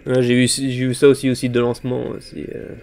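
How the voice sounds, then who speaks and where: Un homme jouant un colonel monocorde, enregistrement bruité. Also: male voice, medium pitch, monotone, fast talker, a little mellow, slight background noise, natural voice. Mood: measured. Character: steady male colonel bluffing his way through negotiations.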